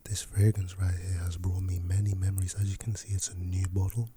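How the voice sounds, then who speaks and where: A man playing a laid-back, chatty fragrance salesman in a soft, breathy whispered role-play for ASMR, with an unhurried, casual patter. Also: low voice, level tone, slight background noise, natural voice.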